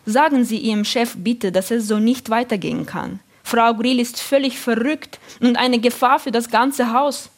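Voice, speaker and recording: A woman's voice: fairly high pitch, moderate pace, few pauses. A woman voicing a suspicious, curt neighbor woman in an audiobook. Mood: distrustful. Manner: curt, distrustful.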